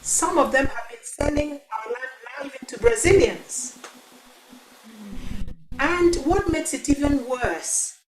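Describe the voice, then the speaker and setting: A woman, speaking on an online town hall panel, deliberate and pausing to search for her words. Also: high voice, animated, a crowd in the background. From Ghana. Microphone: video call. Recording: echoey room, faint background noise.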